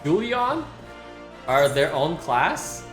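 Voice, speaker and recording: A game streamer giving excitable, casual let's-play commentary, swearing and breaking into loud outbursts. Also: mid-range voice, drawn-out words. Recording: roomy sound with game music.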